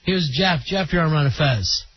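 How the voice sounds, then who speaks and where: High-voiced male radio host, lo-fi. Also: slight background noise. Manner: quick, opinionated, chatty. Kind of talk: call-in radio talk. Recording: dull lo-fi radio broadcast.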